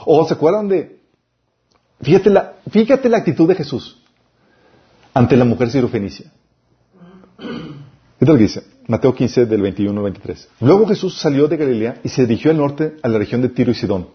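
A man's voice: mid-range voice, lively intonation, moderate pace, long pauses, dull audio. A man preaching a sermon-style Bible lesson, emphatic, listing points and reading scripture aloud.

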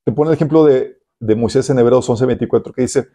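A man's voice: mid-range voice, brisk. A man preaching to young people, asking them rhetorical questions. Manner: animated, addresses listeners directly with rhetorical questions. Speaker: youth pastor. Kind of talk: sermon.

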